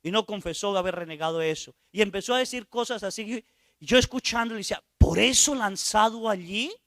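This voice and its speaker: A man's voice: high-pitched, steady tone, fast, a bit bright, dry recording, studio quality. A male priest preaching, telling a story and asking the congregation questions as he goes. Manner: storytelling, asks the audience questions. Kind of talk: sermon.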